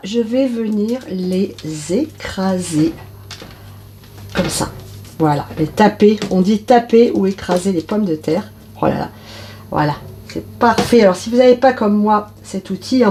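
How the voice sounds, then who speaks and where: On her cooking channel, a woman chats with the audience while narrating a recipe step by step in a relaxed manner. Her medium-pitched voice is warm and animated, and she speaks a little slowly.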